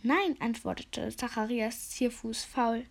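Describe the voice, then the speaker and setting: A woman's voice: medium pitch, moderate pace. A woman reading a children's story aloud, narrating expressively between the animal voices. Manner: expressive, lively voicing of each animal.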